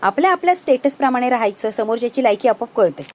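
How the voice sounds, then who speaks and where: A woman's voice: a little high, lively intonation, fast talker, a little mellow. A woman voicing a haughty, snobbish rich young woman speaking with scorn in a TV serial recap. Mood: scornful.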